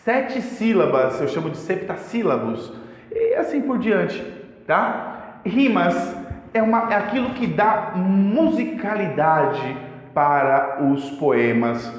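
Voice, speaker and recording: A man with a Brazilian Portuguese accent and a slightly high voice teaches a casual video lesson on poems. He talks to his viewers in a chatty way, dropping slang and quick checks like "tá certo?". His voice rings out in a very echoey room with a long reverb. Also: very animated.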